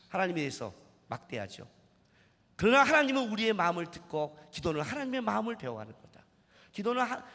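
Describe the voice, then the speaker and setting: A male pastor giving a lively revival sermon, telling stories and acting out dialogue with sudden shouts. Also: extremely high pitch. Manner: animated, acts out quoted dialogue, sudden shouts. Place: large church sanctuary. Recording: church hall reverb.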